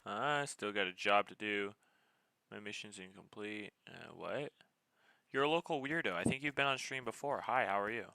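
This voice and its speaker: Low-voiced young man chatting on stream. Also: normal speed, creaky, no room sound. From United States. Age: 20s. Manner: relaxed, reads out and answers chat messages while gaming. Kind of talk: casual live-stream chat. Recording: game music playing behind the voice. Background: background music.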